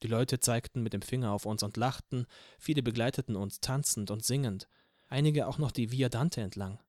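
A man's voice: medium pitch, normal speed, no echo. Man narrating an audiobook, dry and close. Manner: steady first-person storytelling. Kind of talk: scripted narration.

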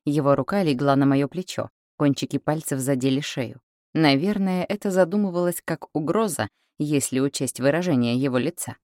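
A woman narrating a novel in the first person, steady and even. Her voice is unusually deep for a woman. The recording is dry and close, with no room sound. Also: moderate pace, no room sound. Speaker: audiobook narrator.

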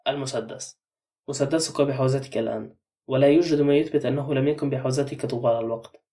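A blunt, suspicious middle-aged man, as a male narrator reads him. Quick, dark and mellow in tone. The mic is set back a little. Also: medium pitch, fairly even intonation, distant mic, close to an everyday voice.

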